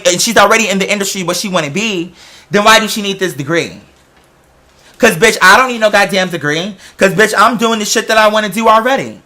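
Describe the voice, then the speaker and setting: Sassy and confrontational, an American man rants animatedly and casually through a story, leaning on emphatic slang and swearing. His voice sits high.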